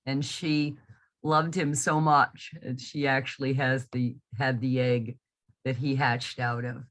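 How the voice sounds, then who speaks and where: Slow, low-voiced woman telling stories. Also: flat delivery. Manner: slow, warm, affectionate storytelling. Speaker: foster carer. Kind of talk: casual interview answers. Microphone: video call.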